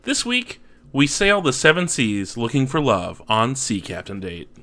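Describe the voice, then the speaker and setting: Lively, bright-toned man podcast co-host. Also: medium pitch, measured pace. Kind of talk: casual podcast chat.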